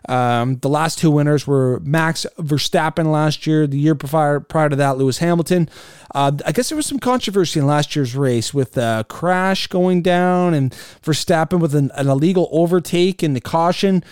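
A man's voice: a little high, normal speed, darkish tone, clean tone, no echo, clean studio sound. A man hosting a solo sports podcast, rambling casually through the week's events with many fillers and restarts. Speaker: podcast host.

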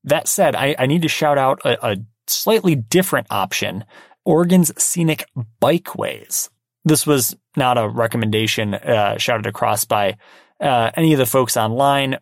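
A man co-hosting a casual podcast, talking in a relaxed, wry way with plenty of restarts. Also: medium pitch, no room sound, clean studio sound. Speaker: podcast co-host. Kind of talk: casual chat.

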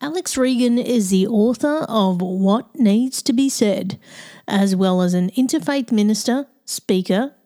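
A woman with a croaky, slightly hoarse voice, speaking as the host of an interview podcast. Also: on the high side, warm tone. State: croaky voice today.

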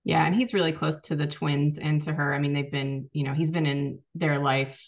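A woman's voice: sits low, steady tone, moderate pace. A woman co-hosting a book review podcast, chatting casually and often agreeing with short replies. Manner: agreeable, short affirmations, easygoing. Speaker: podcast co-host reviewing romance books. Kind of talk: casual chat.

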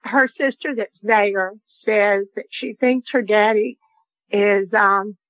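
A woman phoning in to a radio show as a caller, speaking haltingly with many pauses and fillers over a phone line. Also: mid-range voice, steady tone, no room sound. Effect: phone-in caller heard over a phone line. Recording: tinny dry phone line.

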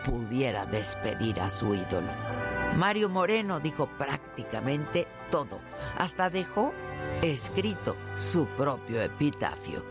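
Brief: male narrator, mid-pitched, formal tribute narration over music. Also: sing-song, measured pace. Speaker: documentary narrator. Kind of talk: scripted narration.

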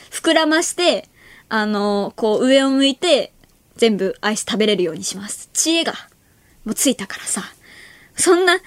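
A woman's voice: on the high side, no echo. A woman in her late teens hosting a late-night radio show, chatting casually and reading listener mail, giggling often between remarks in a studio. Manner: chatty, playful, talks to listeners directly. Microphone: studio microphone.

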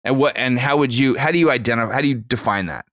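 A man hosting a casual podcast, reading quick announcements and putting questions to his co-host. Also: mid-range voice, a bit bright, no room sound, clean studio sound.

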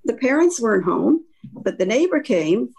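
A woman's voice: fairly high pitch, sing-song, moderate pace, gravelly, darkish tone, slightly rough, poor audio. An older woman with a slight Kentucky accent, telling anecdotes in a reflective, rambling way as an interview guest. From Kentucky, Appalachia. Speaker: interview guest, author and academic.

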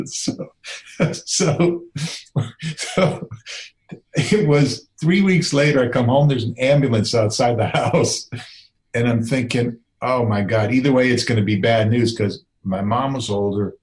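Earnest man telling a personal story. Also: fairly low pitch. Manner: earnest, conversational, acts out quoted voices. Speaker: filmmaker telling his story. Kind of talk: personal storytelling, public speaking.

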